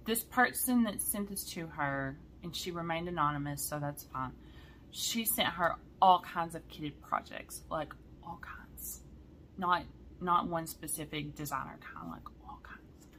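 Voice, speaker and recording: A woman, chatting excitedly to her viewers in a cross-stitch vlog and often saying y'all. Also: deep voice, measured pace, slight background noise. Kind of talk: casual chat to viewers.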